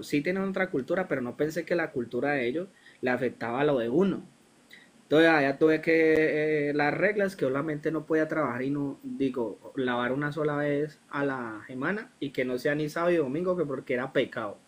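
Appearing as a guest in a relaxed interview, a young man from Colombia recounts his story animatedly, full of slang and acted-out conversations, in his Colombian accent. He speaks fairly quickly in a fairly high voice.

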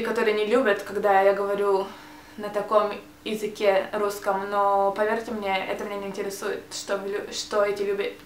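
In a casual tag video, a young woman with a Hebrew accent speaks Russian as her second language in a mid-range voice, often stumbling and starting words over. She sits facing a camera mic in a small, bright indoor room, and the audio is reverberant with slight background noise.

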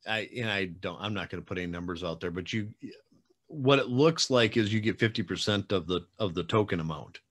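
This man's voice sits low, and he talks a little fast. In his forties and hosting a podcast, he runs a casual interview by webcam video call from a room at home, rambling chattily with lots of fillers and some teasing.

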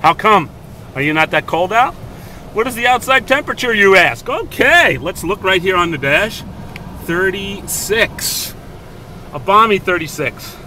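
A man's voice: high voice, animated, measured pace, bright, forceful tone, slight background noise. A middle-aged man giving casual, jokey running commentary outdoors, close to a handheld camera. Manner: jokey, egging on. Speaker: host filming a cold plunge. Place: outdoors by a bay. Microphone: handheld camera held close.

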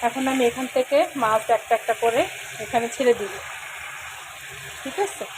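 A woman with a hoarse voice, casually talking viewers through her cooking step by step as host of a cooking channel. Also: a little high, steady tone, moderate pace. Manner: talks viewers through each step, mixing in English words. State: hoarse, throat trouble. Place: home kitchen. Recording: sizzling pan noise behind.

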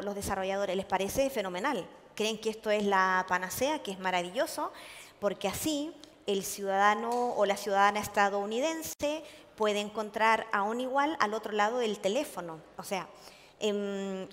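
In a large conference hall with long reverb, a woman gives a public lecture to an audience. Her voice is mid-range and fairly bright, at normal speed, and she speaks earnestly with many hesitations, often checking in with her listeners.

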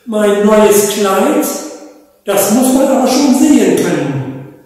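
A man's voice: high-pitched, sing-song, slow pace, a little mellow, pitched above the performer's own voice, exaggerated voice. An older retired pastor voicing a vain male peacock who wants his new feathers seen. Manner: vain, showy. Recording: echoey church hall from far off.

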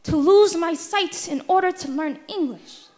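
High-voiced woman performing spoken word. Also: darkish tone. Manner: rhythmic, emphatic, with deliberate stammered repetitions. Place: wood-paneled hall, indoors. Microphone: stand microphone.

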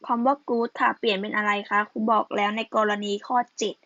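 A woman teaching English, patiently going over worksheet answers in an unhurried, casual way and spelling out words letter by letter. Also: on the high side, fairly even intonation, no echo, dull audio. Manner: patient, ends phrases with soft polite particles, spells out letters. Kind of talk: slow casual lesson explaining answers.

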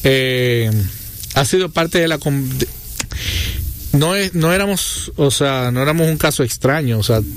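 A man's voice: medium pitch, measured pace, a little hiss or hum. A middle-aged man from Nicaragua, a guest chatting casually in an interview, rambling with many fillers and restarts. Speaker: guest, venue co-founder.

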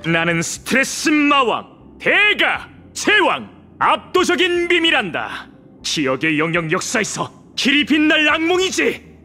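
Swooping, pompous self-styled dark lord. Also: male voice, very high-pitched, wildly swooping pitch, measured pace, faint music behind, full character voice. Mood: pompous, boastful. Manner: grandiose, theatrical dark-lord bluster. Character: young male student hero acting a pompous self-styled dark lord. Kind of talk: dramatic game voice acting.

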